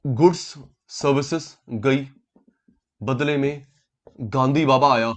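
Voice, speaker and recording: A man speaks slowly at medium pitch while leading an online class, calling students by name and repeating important words. He blends English terms into his Hindi.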